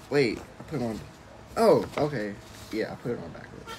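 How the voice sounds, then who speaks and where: A man's voice: mid-range voice, lively intonation, normal speed, a little mellow, poor audio. A young man talking casually at home about his family's small business, earnest and leaning on "you know" as he makes his points. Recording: clear background noise.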